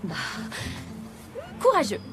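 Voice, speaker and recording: A woman's voice: takes it slowly, close to an everyday voice. An actress playing a bold, teasing young woman with a Québécois accent in film dialogue. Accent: Québécois French. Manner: brash and teasing. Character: bold, cheeky young woman hunting for a prince. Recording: music underneath.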